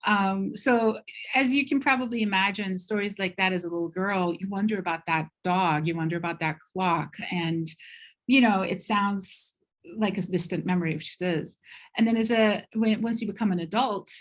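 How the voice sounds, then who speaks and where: Giving a slide presentation for a university talk, this middle-aged Turkish woman takes her time and sounds thoughtful, often saying "um." She speaks in a mid-range voice.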